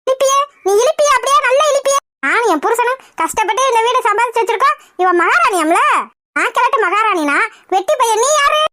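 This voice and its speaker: A sharp-tongued old grandmother, nags and scolds in a shrill cartoon voice pitched very high. She talks quickly with a bright, cutting edge. The sound is close and dry. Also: lively intonation, no room sound, heavily acted. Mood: scolding. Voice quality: shrill, nagging. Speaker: cartoon voice actor. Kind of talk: cartoon comedy voice acting.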